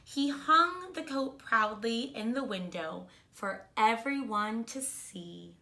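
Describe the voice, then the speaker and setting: A woman reading a storybook aloud to young children in a kindergarten teacher voice, expressively and deliberately, explaining words simply as she goes. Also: a little high, expressive, bright, forceful tone.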